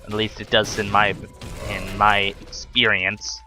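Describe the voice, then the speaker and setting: A man's voice: fairly low pitch, completely flat delivery, a little slow, pushed and bright, faint music behind. A young man hosting a let's play, giving wry, chatty commentary on his gameplay. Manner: wry, chatty, scolding the enemies on screen.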